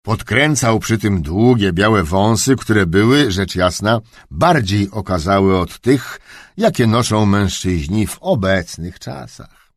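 A male audiobook narrator reading a story in a dramatic, wry manner. His low voice is husky and unhurried, with wide swings in pitch, recorded close and dry. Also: animated, no echo.

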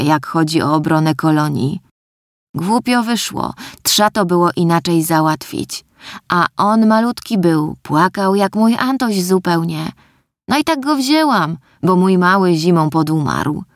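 A biting little old dwarf woman, all blunt scorn and grumbling, put on by a woman reading aloud. The voice sits fairly low with no room around it. Storybook reading, close and dry. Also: animated, unhurried, dry recording. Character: sharp-tongued old female dwarf, scolding. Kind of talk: audiobook character voice.

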